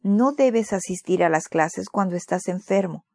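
A woman voicing a caring mother who talks softly and slowly. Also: mid-range voice, creaky, dry recording, studio quality. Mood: compassionate. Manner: soft, slow, compassionate. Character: caring mother, gentle and sensible.

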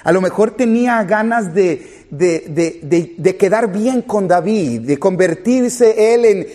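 Speaking slowly in a voice that sits high, a man addresses his congregation directly during a sermon. He retells a story from scripture, acting out its dialogue in an animated delivery that rises and falls.

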